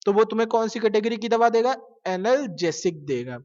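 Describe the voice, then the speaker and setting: A man's voice: high-pitched, expressive, fairly quick, a little mellow. A male teacher explains science in a casual, conversational lecture. He keeps asking questions and answering them himself, repeating key terms. The recording sounds dull and lo-fi, and the voice trails off into a long echo. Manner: casual, mixes English terms into Hindi. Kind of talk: classroom lecture. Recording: lo-fi with long reverb.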